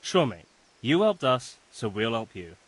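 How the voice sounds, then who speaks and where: An actor playing a scruffy, loyal young troublemaker in a video game, with a husky voice and a coarse, chummy manner. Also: male voice, mid-range voice, big pitch swings, a little slow, low-quality recording. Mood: chummy, uneasy.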